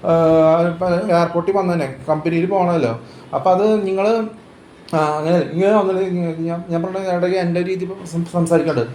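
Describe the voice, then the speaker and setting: A man's voice: sits high, fairly even intonation, brisk, warm tone. Man, rambling casual chat, repetitive, echoey recording, light background noise. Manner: rambling, repetitive, hesitant restarts. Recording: roomy echo with faint ambient noise.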